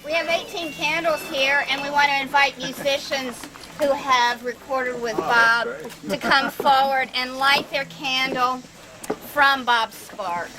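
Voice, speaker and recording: A woman's voice: high voice, fairly even intonation, unhurried. A woman acting as master of ceremonies, announcing a candle-lighting and inviting people forward. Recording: loud crowd noise.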